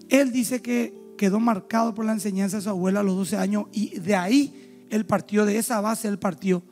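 High-voiced pastor preaching. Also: male voice, warm tone. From Paraguay. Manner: storytelling, acts out voices in anecdotes. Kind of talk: sermon.

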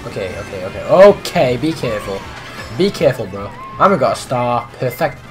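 Excitable teen boy with a cracking voice. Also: medium pitch, fairly quick, faint music behind. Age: teens. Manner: excitable, chatty, prone to voice cracks. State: voice breaking with puberty. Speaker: gaming streamer. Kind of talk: live gameplay commentary.

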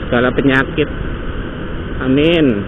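Riding through city streets on a motorbike, an Indonesian motovlogger talks casually in a mid-range voice at a slightly slow pace. His helmet mic sounds dull, and a loud engine, wind and traffic fill the background.

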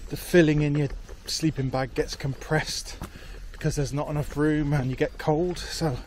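A man in his forties, a camping vlogger, talking to a handheld camera in a laid-back, low-key way in a field. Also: fairly even intonation, normal speed, darkish tone, slight background noise. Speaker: outdoor vlogger. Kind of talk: casual solo camping vlog. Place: tarp shelter in a field at night, then walking outdoors. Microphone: handheld camera close up.

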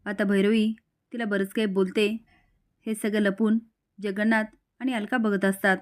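A woman's voice: medium pitch, little pitch movement, normal speed. A woman recapping a TV serial episode, reading the characters' lines in her own voice.

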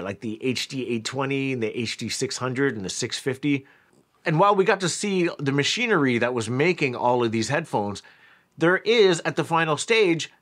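A man from Canada narrating a casual vlog about a factory trip in a relaxed, chatty way with lots of fillers. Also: medium pitch. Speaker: vlogger, headphone reviewer.

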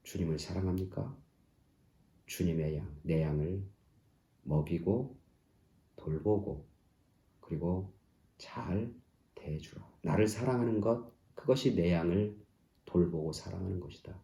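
A male pastor giving a sermon, climbing to loud, high exclamations and then dropping to soft, near-whispered lines. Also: measured pace, gravelly, long pauses, echoey room. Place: church sanctuary.

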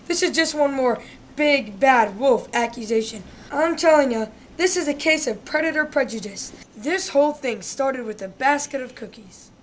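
A woman's voice: high voice, moderate pace, slight background noise, natural voice. A woman voicing a male big bad wolf in a comic radio play, telling his side of the story with indignant self-pity. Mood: aggrieved. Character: male big bad wolf, aggrieved smooth-talking hustler.

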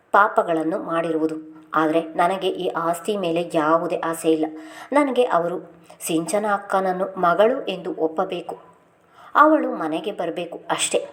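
A woman's voice: on the low side, natural voice. A woman voicing a stubborn, hurt young wife who speaks firmly and defiantly. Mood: bitter. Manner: defiant, firm.

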